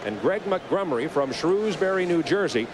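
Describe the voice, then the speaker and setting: High-voiced American football play-by-play man. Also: lively intonation, normal speed. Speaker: play-by-play announcer. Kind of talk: live football commentary. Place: outdoor football stadium. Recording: noisy outdoor stadium broadcast.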